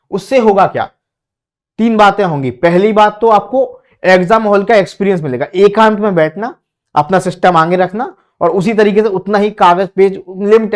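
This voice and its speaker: Male exam-coaching teacher, high voice, repetitive coaxing delivery. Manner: repetitive, coaxing, calls listeners beta. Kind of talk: motivational exam-prep lesson.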